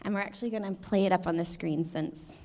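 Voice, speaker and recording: A woman's voice: on the low side, fast, darkish tone, rough recording. A woman giving an earnest, personal devotional talk to a church team meeting.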